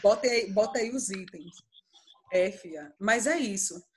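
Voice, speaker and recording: A woman's voice: mid-range voice, expressive, a little slow, breathy edge. A woman, telling family stories in a casual chat and animatedly acting out her kids' voices. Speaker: podcast co-host.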